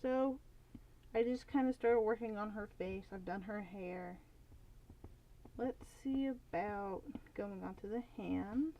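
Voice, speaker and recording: A young woman talks through her drawing on a live stream, rambling and thinking aloud with plenty of "like" and "um". Her voice sits at an ordinary middle pitch. The audio is a bit dull and lo-fi, with a faint hiss and soft clicks behind her. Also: takes it slowly. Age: young adult. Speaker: art streamer. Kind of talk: casual live-stream chat while drawing.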